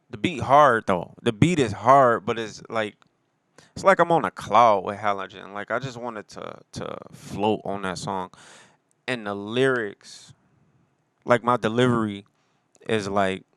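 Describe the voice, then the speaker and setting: Laid-back rapper, smooth low voice. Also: male voice, a bit bright, no room sound. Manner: laid-back, heavy on fillers and slang. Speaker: rapper and producer talking about his album. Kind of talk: casual solo talk.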